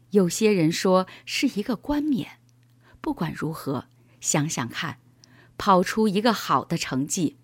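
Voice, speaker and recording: A woman voicing a gentle, patient father explaining things to his son in a children's story. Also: fairly low pitch, slightly rough, no echo.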